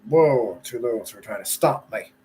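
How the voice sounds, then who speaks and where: A man's voice: medium pitch, expressive, normal speed, warm tone, a little hiss or hum, close to an everyday voice. A wicked witch from a storybook, put on by a man reading aloud. She sounds theatrical and scheming, relishing every threat. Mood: gloating. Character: wicked gloating witch woman.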